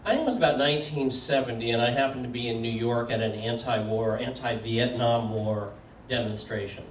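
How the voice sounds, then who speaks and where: A man in his sixties giving a relaxed, joking public talk with plenty of fillers, putting questions to an audience. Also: medium pitch, fairly quick. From United States. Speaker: speaker. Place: community meeting room. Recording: echoey room from far off, faint background noise.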